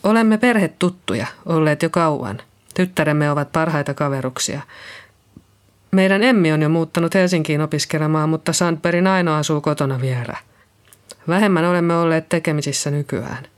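A reader voicing Liisa, a nervous middle-aged nurse who found a body and speaks in a hesitant, shaky way. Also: female voice, low voice, natural voice. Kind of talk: audiobook reading.

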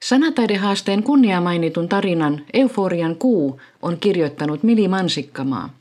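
Naisjuontaja, matalahko ääni, rauhallinen kuuluttajan ote. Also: female voice, fairly low pitch, a little mellow. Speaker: presenter. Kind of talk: scripted introduction.

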